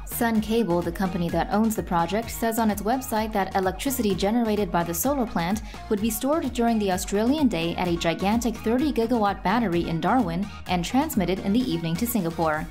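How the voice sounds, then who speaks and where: A woman narrating a scripted news report in an even, informative voice-over. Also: medium pitch, brisk, few pauses, faint music behind.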